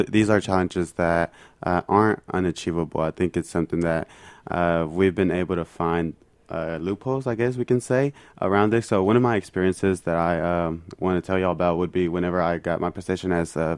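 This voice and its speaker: A young man, a student guest speaking earnestly in an interview, halting often with fillers. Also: deep voice, darkish tone, smooth, dry recording, clean studio sound. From Mexico.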